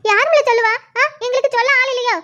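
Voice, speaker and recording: A woman's voice: very high-pitched, fairly even intonation, racing, bright, forceful tone, muffled recording. A woman voicing a worried, tearful village mother, in a cartoon. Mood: fretful. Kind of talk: cartoon voice acting.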